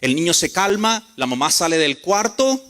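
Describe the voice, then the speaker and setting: A male pastor delivers a sermon and tells a story, playing out each character in it. His voice is high and bright, and his pitch swings widely. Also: big pitch swings, normal speed.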